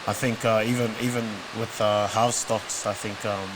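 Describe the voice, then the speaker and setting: A man discussing sport casually as a show panelist, phrasing his points in a halting way. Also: on the low side, level tone. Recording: clearly hissy, noisy stream audio.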